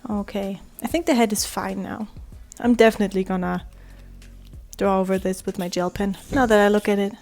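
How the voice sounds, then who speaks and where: A woman with a cold talks casually while she draws, her voice hoarse and raspy, quiet and monotone, sometimes dropping to a soft murmur. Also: mid-range voice, fairly quick, soft background music. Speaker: art vlogger. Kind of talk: casual talk while drawing.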